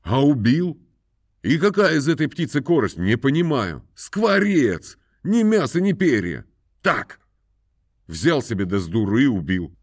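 A man's voice: medium pitch, very animated, a little slow, no echo, studio quality, pitched above the performer's own voice. A man voicing a pompous country landowner who scolds and moralizes at length. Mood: scolding. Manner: moralizing, scolding, sing-song.

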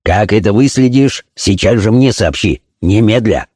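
A man voicing a calm, shrewd detective in a storybook reading, giving quiet, deliberate orders. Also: fairly low pitch, husky, dry recording, clean studio sound.

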